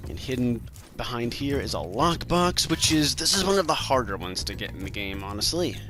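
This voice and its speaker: A man's voice: medium pitch, sing-song, moderate pace, bright, forceful tone. A man giving casual, chatty, self-deprecating commentary as host of a video game walkthrough. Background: game music.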